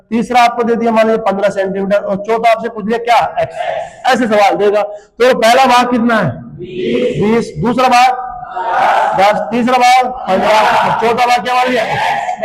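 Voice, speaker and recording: A man with a very high voice teaches maths in a classroom, drilling students with quick questions and calling out the answers loudly. His voice rings with a long reverb around the room. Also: fairly even intonation. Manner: quizzes the class in call-and-response, often shouting answers. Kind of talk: classroom lecture.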